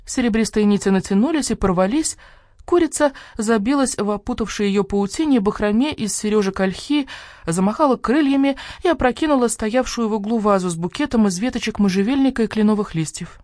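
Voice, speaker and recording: A woman narrating a children's audiobook with lively, expressive storytelling. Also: mid-range voice, fairly quick, no echo, clean studio sound.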